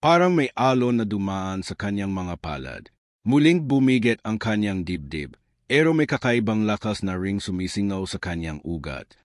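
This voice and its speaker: A man's voice: fairly low pitch, sing-song, normal speed, no room sound, studio quality. A man narrating a scripted horror story in a dramatic, suspenseful manner.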